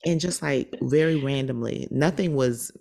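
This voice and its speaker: An American woman co-hosting a podcast, chatting casually and telling anecdotes in an animated way, acting out what people said. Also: extremely low pitch, normal speed, gravelly. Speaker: podcast co-host.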